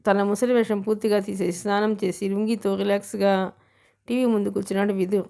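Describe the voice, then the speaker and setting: Woman audiobook narrator; even, steady storybook reading. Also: medium pitch, fairly quick, creaky.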